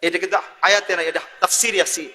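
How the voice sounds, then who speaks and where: A man's voice: steady tone, fast, pushed and bright. A male preacher giving a sermon to a live gathering. He calls on the crowd to answer and chants Arabic verses in a sing-song. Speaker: preacher (mufti). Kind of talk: Bengali Islamic sermon. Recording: long booming hall reverb.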